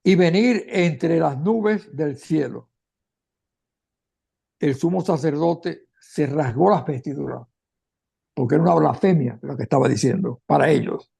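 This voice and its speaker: A catechist leads a Bible class, reading scripture aloud and then explaining it step by step, with occasional restarts. His voice is fairly high, creaky and slightly rough, with a somewhat mellow quality.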